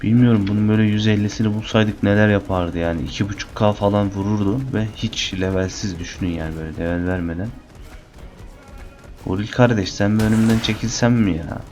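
Casting note: young male gamer, lowish voice, chatty and teasing, faint game music underneath. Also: brisk, lo-fi sound. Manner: chatty, teasing the game creatures, bursts of excitement in fights. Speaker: gaming channel host. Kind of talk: casual let's-play commentary.

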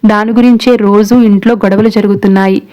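A woman narrating a recap of a TV serial, telling the story and acting out each character's dialogue in a lively way. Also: mid-range voice, a little fast, dull audio. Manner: lively, shifts between narration and acted dialogue.

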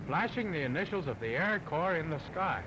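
A man giving brisk, upbeat narration on an old 1930s newsreel soundtrack. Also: fairly high pitch, big pitch swings, low-quality recording.

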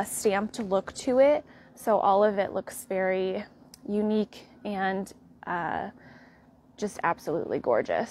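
A young woman with an American accent hosting a live tour of a quilt fabric shop, walking the aisles and showing products in a friendly, unhurried way. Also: medium pitch, darkish tone, a little hiss or hum. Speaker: quilt shop staff host.

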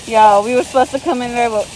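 A woman's voice: fairly high pitch, a little mellow, rough recording. A woman hosting a casual shopping vlog, chatting and teasing while talking straight to her viewers. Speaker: vlog host, mother.

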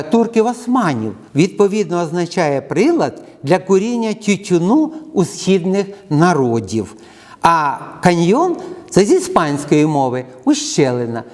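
A man's voice: a little high, a little mellow. A man giving an educational lecture, speaking unscripted with frequent hesitations and filler sounds. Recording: long hall reverb.

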